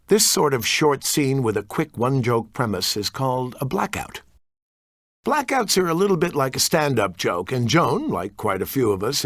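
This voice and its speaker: An older man giving scripted narration in a measured way. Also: medium pitch, dry recording, clean studio sound.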